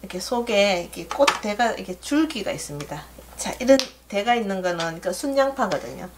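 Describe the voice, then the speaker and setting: A woman's voice: mid-range voice, lively intonation, a little fast, noisy background. Middle-aged Gyeongsang-accented woman, cooking host, chatty step-by-step kitchen talk, faint pots clinking behind. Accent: Gyeongsang Korean. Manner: chatty, homey step-by-step instructions. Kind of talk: home cooking demonstration. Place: home kitchen. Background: clinking dishes and pots.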